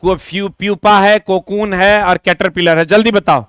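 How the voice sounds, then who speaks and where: This exam-prep teacher is a man with a high, fairly bright voice and fairly even intonation, speaking chattily, repeating things and adding quick asides. The recording is close, dry, smooth and clear, without echo.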